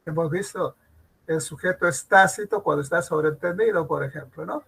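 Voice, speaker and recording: Gravelly man teaching an online class. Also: fairly high pitch, fairly bright tone, low-quality recording. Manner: asks students questions, repeats examples slowly. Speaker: language teacher.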